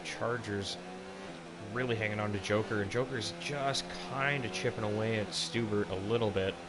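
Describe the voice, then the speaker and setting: A man with a lowish voice serves as lead commentator for live sim racing, calling an online race in casually phrased motorsport commentary. He speaks at a moderate pace over heavy background noise.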